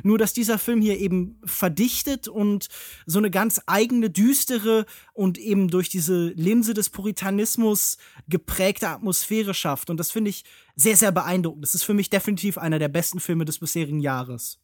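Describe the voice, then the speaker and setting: A man's voice: sits high, normal speed, darkish tone, dry recording. A man talks through films as a podcast panelist. His phrasing is elaborate and intellectual, his approach analytical, and the sound is dry and close. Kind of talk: analytical film discussion.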